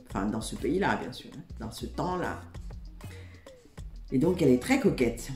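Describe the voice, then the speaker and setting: A woman's voice: a bass voice, mellow. A woman from Côte d'Ivoire narrating a folk tale aloud, with chatty asides to her listeners. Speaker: storyteller. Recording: roomy echo, faint music.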